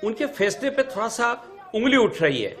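A man speaking as a senior party spokesperson, giving deliberate commentary that often restarts its phrases. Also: high voice, sing-song. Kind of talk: measured political commentary.

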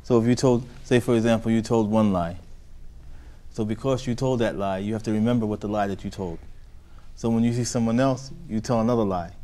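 Man, american accent, lowish voice, teacher, storytelling lesson for kids, keeps asking questions. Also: fairly quick, dark tone. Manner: questioning, call-and-response with children.

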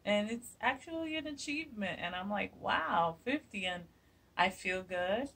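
This woman in her forties hosts a DIY craft tutorial from her kitchen at home, chatty, upbeat, and full of fillers. Her medium-pitched voice is expressive, unhurried, gravelly, and a bit bright. The phone camera sits a few feet away, giving a distant sound with a little hiss or hum.

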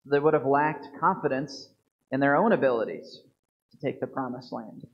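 A man in his thirties, a priest giving a homily at a church lectern into a fixed microphone, preaching earnestly with slow emphatic stresses. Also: mid-range voice. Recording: dull lo-fi church video stream.

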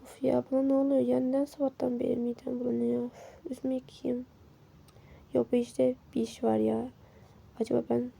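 Toy-game story role-play: woman voicing a young wife, husky and gravelly, pitched high. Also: mellow, full character voice. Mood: uneasy. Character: young wife, queasy, then overjoyed at pregnancy.

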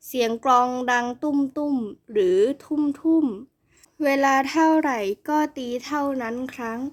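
A proud schoolboy from a storybook, speaking slowly and deliberately as if he were a grown-up scholar, voiced by a woman. The voice sits high. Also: lightly acted. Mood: lecturing. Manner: slow, measured, grown-up delivery. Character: proud schoolboy lecturing his classmates.

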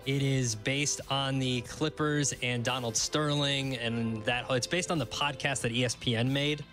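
A man's voice: mid-range voice, steady tone, unhurried, fairly bright tone, soft background music. A young man at a radio studio mic, reading sports news items steadily with frequent fillers. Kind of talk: casual news rundown. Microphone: studio mic with headphones.

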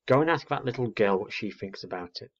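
A man gives voice to a mother barn owl from a children's story. She is patient but firm with her child. The delivery is expressive and varied in pitch. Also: fairly quick, lo-fi sound. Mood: patient, instructing.

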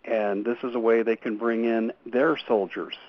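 Radio guest, male, mid-pitched, earnest and urgent, stumbling restarts, muffled lo-fi line. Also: steady tone, moderate pace. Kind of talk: call-in radio interview. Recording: dull lo-fi radio audio.

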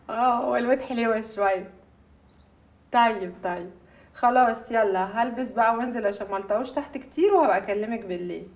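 An actress playing a jealous, quick-tempered young newlywed, speaking with an Egyptian accent, fast and accusing. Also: female voice, a little high, slight background noise, lightly acted. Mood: teasing. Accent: Egyptian Arabic. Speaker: jealous new bride. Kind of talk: Egyptian film acting. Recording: film audio with music behind.

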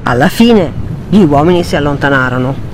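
A woman's voice: sits low, lively intonation, normal speed, a little hiss or hum. Woman reading a fairy tale. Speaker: storyteller. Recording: loud music bed behind.

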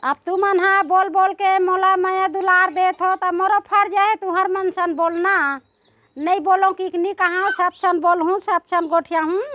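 A woman's voice: very high voice, fairly even intonation, a little slow, bright, forceful tone, lo-fi sound. A woman with a Chhattisgarhi accent chatting casually and affectionately to her followers, often repeating herself. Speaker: vlogger.

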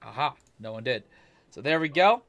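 A man's voice: mid-range voice, animated, moderate pace, fairly bright tone, a little hiss or hum. A young man hosting a casual gaming live stream, loose and joking, swearing at his friends. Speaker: streamer host.

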